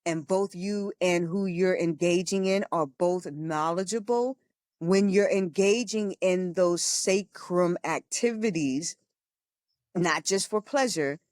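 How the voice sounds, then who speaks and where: A woman's voice: fairly low pitch, slow, darkish tone, dry recording, clean studio sound. A woman co-hosting a spiritual podcast, talking frankly and earnestly, with some swearing and frequent laughter. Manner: frank and profane, laughing often; earnest, teaching tone. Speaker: podcast co-host. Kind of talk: casual spiritual talk.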